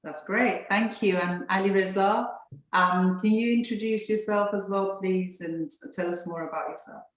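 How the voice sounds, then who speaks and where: A woman's voice: medium pitch, steady tone, normal speed. A woman moderating an online interview. She speaks politely and hesitantly, with many fillers. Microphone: video call. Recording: very echoey room.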